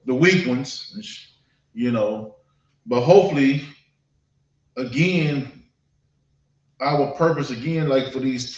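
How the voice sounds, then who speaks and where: A medium-pitched preacher from the United States gives a loose, sermon-style talk, captured by a distant microphone in an echoing, muted room. His delivery is hesitant and repetitive, conversational, with frequent check-ins.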